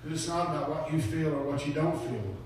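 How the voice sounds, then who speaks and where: A man preaching a sermon, telling a story with growing excitement, laughing and breaking into shouts. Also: fairly high pitch, brisk, a little hiss or hum. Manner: animated, builds to shouts, laughs often. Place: church sanctuary. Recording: echoey hall from far off.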